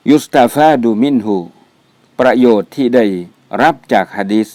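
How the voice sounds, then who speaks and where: A man's voice: medium pitch, normal speed, darkish tone, no echo. A man teaching a religious studies class, reading out Arabic vocabulary words twice each and then giving their meanings. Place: mosque.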